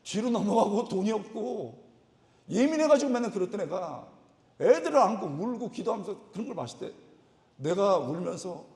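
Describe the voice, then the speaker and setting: Animated male pastor in an echoing hall. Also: high voice, normal speed. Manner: animated, imitates people in his stories, exclaims. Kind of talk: lively storytelling sermon. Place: church retreat evening service hall. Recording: echoey hall reverb.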